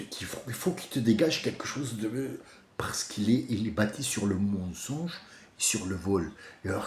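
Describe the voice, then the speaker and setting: A man giving an informal religious commentary, passionate and digressive, swinging from soft musing to loud ranting. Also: lowish voice, reverberant. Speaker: religious speaker.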